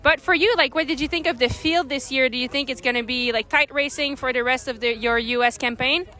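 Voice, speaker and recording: Woman racer hosting, chatty and informal, voice a bit on the high side. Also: a little fast, bright, forceful tone. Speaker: host and bike racer. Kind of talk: casual race recap and interview.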